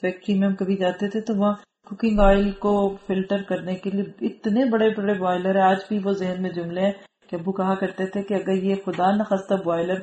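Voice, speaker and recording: A woman's voice: medium pitch, warm tone, a little hiss or hum. A woman from Pakistan giving a Quran commentary lecture, earnest and admonishing, reciting Arabic verses and explaining them. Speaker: Quran teacher. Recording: roomy echo.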